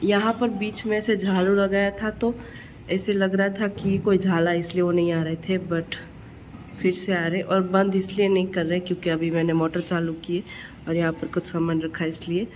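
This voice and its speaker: A woman's voice: on the low side, flat delivery, normal speed, a little mellow. Young woman, casual vlog chat, self-mocking, phone recording, household noise. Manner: chatty, self-mocking, laughs at herself. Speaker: vlogger. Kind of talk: casual home vlog narration. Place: family home, indoors and on a rooftop.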